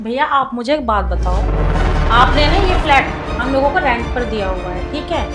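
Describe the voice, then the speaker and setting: A woman's voice: high voice, animated, moderate pace, roomy sound, over music. An actress playing a young tenant who pleads and argues with her landlord over late rent. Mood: pleading. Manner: pleading, defensive, explanatory. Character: struggling young female tenant, pleading but firm. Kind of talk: low-budget comedy film acting.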